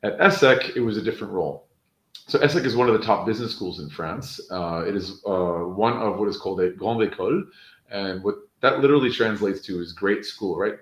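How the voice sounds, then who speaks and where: A man's voice: lowish voice, a little fast. A man from the United States with an American accent, explaining student services fluently on an online panel. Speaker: panel speaker, former student affairs officer. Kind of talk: webinar panel talk. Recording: roomy echo.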